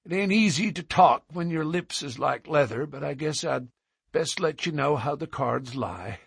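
A man's voice: on the high side, expressive, moderate pace, no room sound, studio quality, heavily acted. A man doing a parched old frontiersman. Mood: tender. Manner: rough, drawling, gentle.

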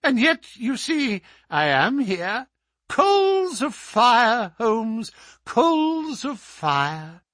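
A man's voice: very high-pitched, very animated, very slow, a bit bright, no room sound, studio quality, pitched above the performer's own voice, heavily acted. A man voicing a cruel, mocking male visitor who taunts a sick man. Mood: taunting. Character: sneering, cruel middle-aged male visitor.

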